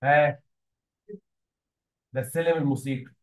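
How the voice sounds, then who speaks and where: A man's voice: medium pitch, fairly even intonation, moderate pace, darkish tone. A man with an Egyptian Arabic accent teaching an English lesson to a classroom of students, often prompting them with questions. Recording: echoey room, mic at a distance.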